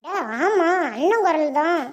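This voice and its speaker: A woman's voice: very high voice, a little slow. A woman voicing a young daughter in a Tamil cartoon, whiny and egging her mother on.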